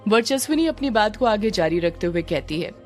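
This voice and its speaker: A woman narrating a dramatic story in an even storytelling manner. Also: mid-range voice, a little fast, soft background music.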